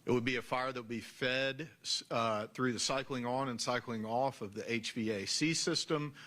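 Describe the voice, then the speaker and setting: A man speaking as a prosecutor in a courtroom, giving a formal, deliberate closing argument in short narrative phrases. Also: medium pitch, fairly bright tone.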